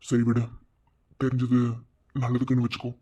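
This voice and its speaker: A man voicing a calm cartoon husband who soothes his worried wife on the phone. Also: mid-range voice, normal speed, breathy edge, close to an everyday voice. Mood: reassuring. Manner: steady, soothing, firm. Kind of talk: cartoon voice acting. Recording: dull lo-fi sound.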